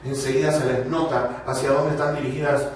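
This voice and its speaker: A man's voice: medium pitch, flat delivery, brisk, distant mic. Preaching man in an echoey hall. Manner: emphatic preaching, rising and falling, addresses congregation as brothers. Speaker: pastor. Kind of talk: sermon. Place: church hall.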